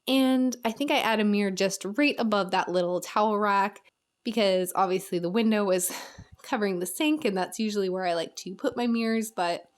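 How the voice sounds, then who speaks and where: Young woman, chatty, upbeat, game voice-over, medium pitch, slightly worn voice. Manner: chatty, upbeat, frequent small laughs. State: slightly losing her voice. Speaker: game building channel host. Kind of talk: casual voice-over narration of a video game build.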